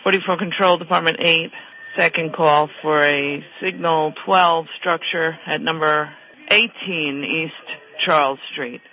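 A man reading formal fire dispatch announcements over two-way radio in measured, clipped, procedural phrases. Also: a little high, fairly even intonation, no room sound. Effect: two-way radio transmission. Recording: dull radio channel, faint static.

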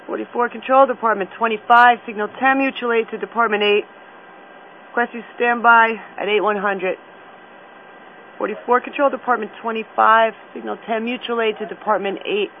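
A man's voice: high voice, fairly even intonation, normal speed. A man working as an emergency dispatcher, giving clipped, formal fire radio announcements and repeating each call. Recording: tinny, static-laden two-way radio.

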